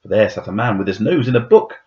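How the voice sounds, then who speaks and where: A man reading a children's rhyming picture book aloud in a dramatic, playful, expressive way. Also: fairly low pitch, quick pace, muffled recording. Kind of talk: expressive rhyming storybook narration.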